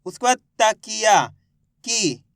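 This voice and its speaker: Man slowly sounding out syllables. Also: high-pitched, sing-song, a bit bright, dry recording, clean studio sound. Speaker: Hindi reading teacher. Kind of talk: slow spelling lesson, sounding out syllables.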